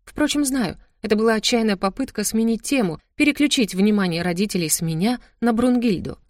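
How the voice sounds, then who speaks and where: A woman's voice: fairly high pitch, a little fast, dry recording, clean studio sound. Woman narrating a comic fantasy audiobook. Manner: lively, wry, embarrassed storytelling. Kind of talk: first-person audiobook narration.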